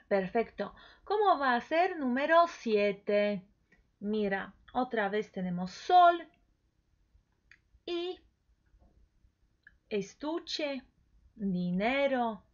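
A woman teaching pronunciation, repeating each word slowly and coaxing the listener to say it back. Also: a little high. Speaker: language teacher. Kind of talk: slow pronunciation lesson. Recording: dull lo-fi recording.

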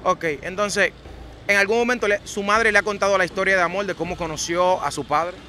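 Man, bright voice, probing questions. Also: high-pitched, fairly even intonation, fairly quick, slight background noise. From Dominican Republic. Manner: direct, probing questions with slangy asides. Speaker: interviewer. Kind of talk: documentary street interview.

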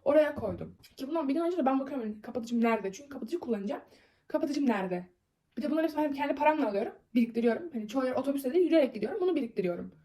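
Fast-talking young woman venting a story. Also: sits high, expressive, dark tone. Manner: rambling, full of fillers, upset and venting. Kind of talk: casual storytime vlog.

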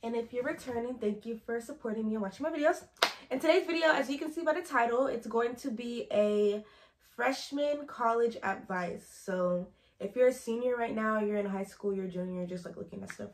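A woman's voice: a little high, brisk. A young college woman talking casually to her camera, rambling and easily sidetracked as she gives advice. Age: young adult. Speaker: vlogger. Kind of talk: casual chatty advice vlog.

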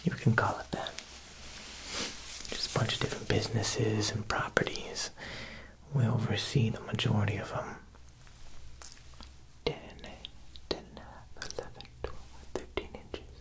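Poor audio captures a young adult man's lowish, level-toned whisper, unhurried and broken by long pauses. As an ASMR performer he plays a tailor acting like a joking Italian mob boss with a hint of menace, speaking wiseguy-style and often tagging lines with "huh."

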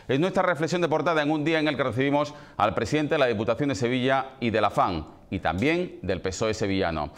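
A man's voice: mid-range voice, lively intonation, fast. A man in his forties with an Andalusian Spanish accent, presenting an emphatic, indignant editorial in a rhetorical style. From Andalusia, Spain. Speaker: news programme presenter. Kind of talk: editorial commentary to camera. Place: television studio. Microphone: lapel mic.

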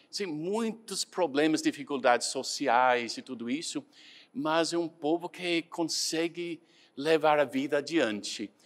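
Irish-born missionary priest, second-language Portuguese speaker, calm anecdotal interview answers. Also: male voice, medium pitch. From Ireland.

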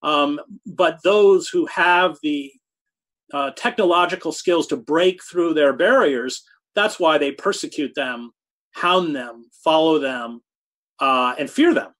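A man in his sixties, a journalist appearing as a guest, answers interview questions over a video call from his home study, picked up by a webcam. His voice is fairly high and fairly bright, and he speaks thoughtfully, with halting restarts and hard emphasis on key words.

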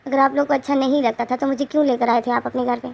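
A hurt young man in tears lashes out bitterly, read by a woman in a storybook retelling. The voice is gravelly and fairly high. The delivery stays flat. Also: quick pace. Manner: bitter, pleading.

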